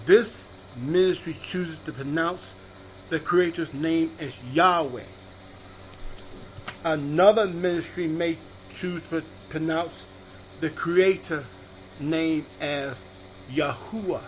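A man preaching at an unhurried, measured pace, repeating each chapter and verse before reading it. His voice sits a little high for a man. A faint background noise runs under the recording. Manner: repeats each verse reference slowly and deliberately. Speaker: minister. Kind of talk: slow sermon-style scripture reading.

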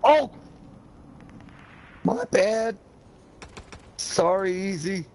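A man chatting casually and swearing as he plays a video game, prone to excitable exclamations. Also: sits high, very slow. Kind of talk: casual gameplay chat with profanity. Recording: gunfire and clicking behind voice. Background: video game gunfire.

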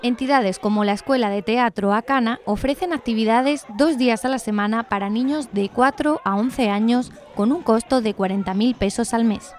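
A woman with a Chilean accent reading a scripted news report in an even, measured way. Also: a little high, a little hiss or hum.

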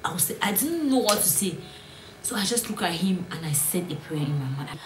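A young woman, telling her own story in a storytime vlog, earnest and often sinking to a hushed whisper. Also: on the low side, animated, brisk, noisy background. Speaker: vlogger. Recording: roomy echo, faint ambience.

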